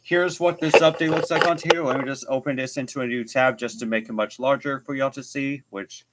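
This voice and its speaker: Male amateur weather stream host, halting delivery, repeated phrases, radio-style update announcements. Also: medium pitch, fairly even intonation, heavy background noise. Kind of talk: improvised live storm coverage commentary.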